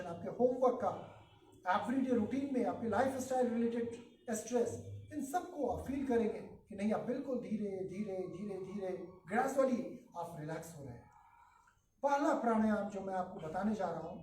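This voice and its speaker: A man teaching children a yoga breathing lesson in a calm, instructive way, mixing in English terms. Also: extremely high pitch, roomy sound, distant mic, a little hiss or hum, low-quality recording.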